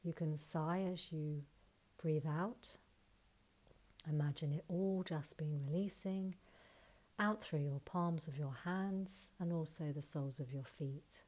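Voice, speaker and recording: A woman leading a guided breathing exercise, counting breaths and giving calm, soft instructions, sometimes close to a whisper. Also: low voice. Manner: slow soothing counting instructions.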